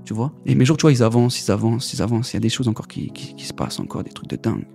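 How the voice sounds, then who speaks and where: Rapid-talking young man, slangy testimony. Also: medium pitch, gravelly, warm tone, soft background music. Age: young adult. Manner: rushed, slangy storytelling with many repeats. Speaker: guest giving a testimony. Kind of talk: casual spoken testimony.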